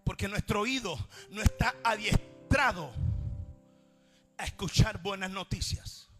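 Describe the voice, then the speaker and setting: A man preaching a sermon to a congregation in a church, with a repetitive, impassioned cadence that swings between shouts and quiet passages. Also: high-pitched, a little slow, soft background music.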